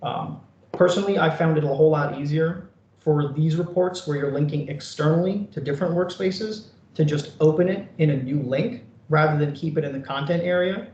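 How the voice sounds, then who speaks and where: A man giving an informal, conversational software demonstration in an online meeting. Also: fairly high pitch, brisk. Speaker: presenter of a software demo. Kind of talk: informal screen-share demonstration for a work group. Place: online meeting recording from an echoey room. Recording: echoey room, dull online meeting audio.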